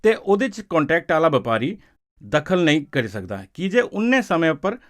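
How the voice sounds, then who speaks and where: His voice on the high side and very animated, a Dogri-accented man explains a farm law to farmers at a moderate pace in an educational film. The tone is didactic yet conversational, and he regularly asks short questions to check he's being followed.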